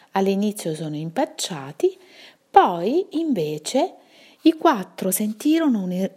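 A woman reading a bedtime story to children, gently recapping the plot for young listeners. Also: medium pitch, husky.

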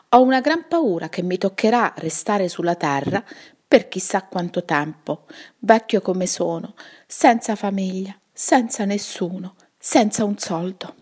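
Lonely old storybook wizard voiced by a woman, wistful, rambling, swinging pitch. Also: lively intonation, a little slow, a little mellow. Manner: rambling, wistful, self-pitying. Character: lonely old male wizard, sad and talkative.

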